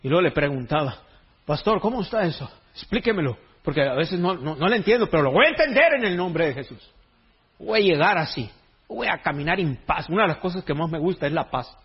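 A pastor preaches with a casual, joking tone and street slang. His voice sits high and sounds husky. The recording is dull and lo-fi. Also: lively intonation, fast talker. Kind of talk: sermon.

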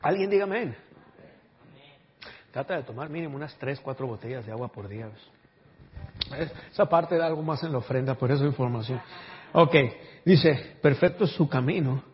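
A pastor preaching a sermon, emphatic and calling on the congregation for responses. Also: male voice, medium pitch, moderate pace, pauses often. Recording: dull audio with long hall reverb.

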